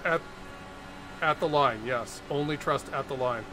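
A man's voice: mid-range voice, measured pace, over music. A middle-aged man chatting casually on a headset as he drives in a racing game. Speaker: sim racing streamer and driver. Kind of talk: casual chat while racing. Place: indoor home sim racing rig. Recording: clear engine noise behind voice. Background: racing game engine noise.

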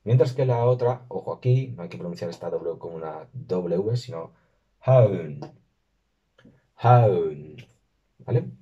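A man talks through a screen-recorded lesson. His voice is low and husky. He slows down to sound out each word with care, and the recording is dull and lo-fi. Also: dark tone. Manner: careful, slows and stresses words when modelling pronunciation. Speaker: language teacher.

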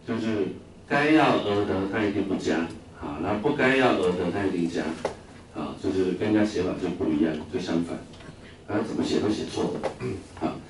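A man's voice: deep voice, a little mellow. A man from Taiwan teaching English vocabulary to a class, chatty, full of filler sounds and questions to the students. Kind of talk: classroom lecture with anecdotes. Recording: echoey classroom from a distant mic, noisy.

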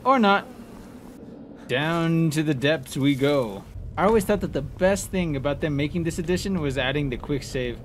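Speaking at a moderate pace in a fairly high, animated voice, this gamer narrates his let's play in a relaxed way. He teases his enemies and calls out excitedly while game ambience makes the background clearly noisy.

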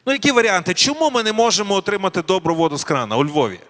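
A man giving a sermon. He speaks slowly and deliberately and puts questions to the audience. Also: high voice, very animated, a bit bright. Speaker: preacher. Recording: long reverb of a hall.

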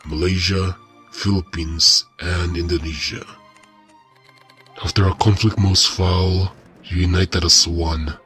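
A man, his voice run through a voice changer, plays a stately national leader who declaims a formal address with solemn weight. The altered voice sits very low and deep. Faint music plays underneath. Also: a bit bright. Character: stately male leader of a united island nation.

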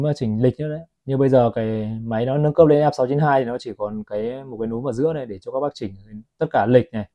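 Speaking in a mellow, mid-range voice, a man from Vietnam sells watches while recording a phone review for his audience. He keeps things chatty, addressing viewers as "các bác" again and again.

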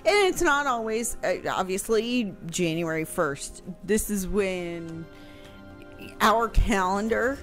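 Answering questions as a podcast historian, a woman in her thirties talks casually and slowly, her mid-range voice expressive and a bit bright. Soft background music plays, and she sits close to a boom-arm broadcast mic in a room at home.

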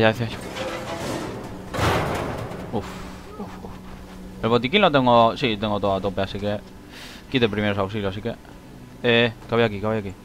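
A man giving excitable let's play commentary, shrieking when he panics. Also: on the low side. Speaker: gaming YouTuber.

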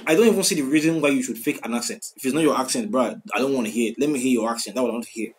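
A man hosting a music reaction video, talking in an excitable, casual way and repeating phrases and "bro" a lot. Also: medium pitch, very fast. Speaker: music reaction channel host.

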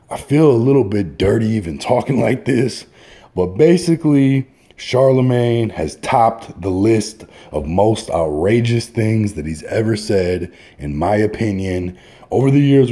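A man's voice: medium pitch, dark tone. A man hosting a casual opinion video, talking in an indignant, rambling way and repeating himself. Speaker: YouTube commentary host.

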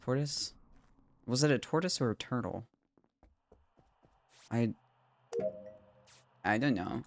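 A man's voice: medium pitch, animated, slow pace, creaky. A man streaming a social deduction game with friends, joking and talking himself through his tasks on voice chat. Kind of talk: casual gaming chat. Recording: noisy mic with clicks.

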